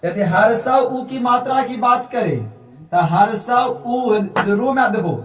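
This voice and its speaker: A man's voice: very high-pitched, expressive, slow. A man teaching a classroom grammar lesson, patiently repeating sounds aloud for his students. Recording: echoey classroom, distant mic.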